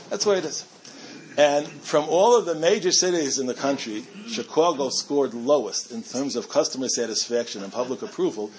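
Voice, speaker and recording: A man's voice: mid-range voice, a little hiss or hum. A middle-aged man giving a storytelling talk to a community audience, chatty and self-amused, with frequent restarts.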